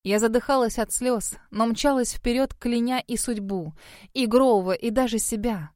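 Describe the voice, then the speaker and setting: A woman narrates a fantasy audiobook in the first person. Her reading is measured and expressive, in a voice a little higher than most. The recording is dry and close, with no room sound. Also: no echo.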